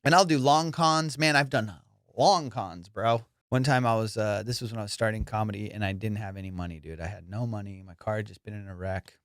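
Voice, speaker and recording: This young man's voice sits on the low side and runs brisk as he, a comedian and podcast host, delivers a relaxed monologue of swaggering, profane stories with excited bursts. Studio quality, no room sound.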